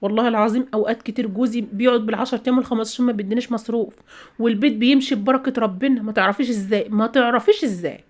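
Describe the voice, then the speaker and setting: A woman's voice: a little high, racing, a little mellow. A woman with an Egyptian accent hosting her own channel, giving emphatic, preachy advice to viewers in a casual way and often repeating her phrases. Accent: Egyptian Arabic. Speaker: channel host.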